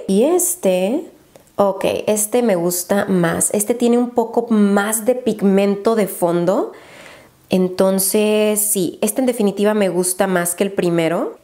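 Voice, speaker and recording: A woman's voice: mid-range voice, mellow. A woman, a beauty YouTuber talking chattily and gushing through a casual unboxing haul, dropping English exclamations.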